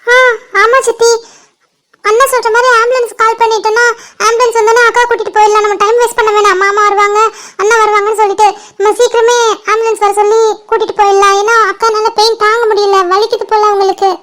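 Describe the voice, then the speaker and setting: A woman's voice: very high voice, flat delivery, a bit bright. A woman voicing an anxious younger girl who keeps reassuring her sister in a cartoon. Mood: anxious soothing. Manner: soothing, hurried reassurance. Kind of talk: cartoon voice acting.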